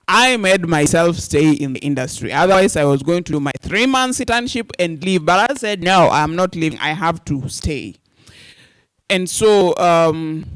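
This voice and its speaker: A Kenyan radio journalist in his forties speaks earnestly and directly to media students, calling them "you guys." His voice sits on the high side and sounds smooth, with no room sound at all.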